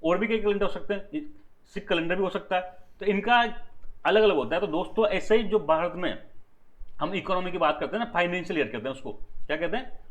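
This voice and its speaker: A man's voice: high voice, fairly quick, poor audio. A man lecturing on economics who keeps asking the class questions, answers them himself, repeats key terms and mixes English words into his talk. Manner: addresses listeners as "dosto". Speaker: economics teacher.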